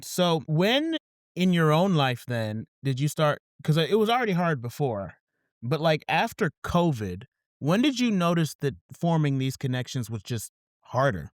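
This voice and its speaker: A man's voice: fairly high pitch, sing-song, a little slow, no room sound, studio quality. A man hosting a podcast, reading a scripted opening and then chatting casually, often repeating "absolutely". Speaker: podcast host.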